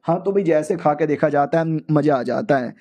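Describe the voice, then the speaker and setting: A man's voice: on the high side, normal speed, dark tone, dull audio. A young man casually recapping a comic story in a slangy, joking, profane way.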